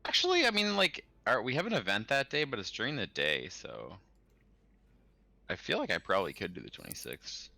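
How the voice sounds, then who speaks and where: A man with a deep, gravelly voice that swings widely in pitch talks as a player at a tabletop game. His tone is sharp and bright against a dry, close sound, and he hedges and restarts his sentences. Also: huge pitch swings, fairly quick, no room sound. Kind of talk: casual tabletop game chat.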